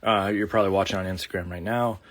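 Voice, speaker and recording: A man's voice: sits low, steady tone, fast talker. A man with a Minnesota accent hosting a casual livestream chat from home, rambling with lots of fillers and restarts. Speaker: host. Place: home studio room. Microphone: phone on a mount.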